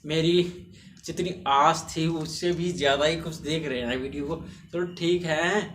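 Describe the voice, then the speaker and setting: A man's voice: fairly high pitch, fairly even intonation, a little slow, fairly bright tone. Guy teaching english grammar, casual, keeps saying right?, echoey room w/ faint hiss. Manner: repetitive, encouraging, frequent tag questions. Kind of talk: casual classroom explanation.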